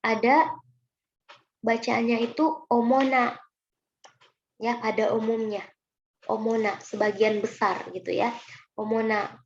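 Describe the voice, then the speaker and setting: A woman's voice: fairly high pitch, fairly even intonation, a little slow, vocal fry, long pauses. A woman with an Indonesian accent teaching Japanese kanji in a recorded online lesson, patient and chatty, often calling her students "minasan". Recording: roomy, dull lo-fi recording with faint noise.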